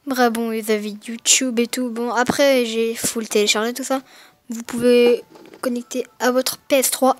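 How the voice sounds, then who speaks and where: A woman's voice: fairly high pitch, fairly even intonation, normal speed, no room sound. A woman recording a casual unboxing narration through a gaming headset mic, talking hesitantly with many fillers and self-corrections. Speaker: gaming video maker.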